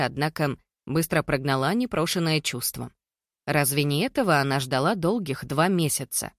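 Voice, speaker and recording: An audiobook narrator reading a novel in an even, measured way. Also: medium pitch, dry recording, studio quality. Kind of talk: scripted narration.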